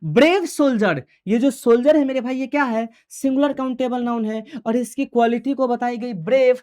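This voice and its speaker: A man's voice: very high voice, darkish tone, clean tone. A man teaching an online English grammar class for board exam preparation. He talks in a chatty, coaxing way, calls his students affectionate names, and asks and answers his own questions. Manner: mixes English grammar terms into fast conversational explanation.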